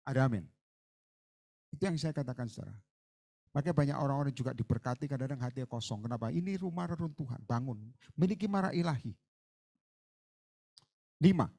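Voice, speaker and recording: A male pastor preaching a sermon, swinging from soft asides to loud fiery exhortation and mixing in English words. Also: medium pitch, a little fast, creaky, long pauses. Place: church hall.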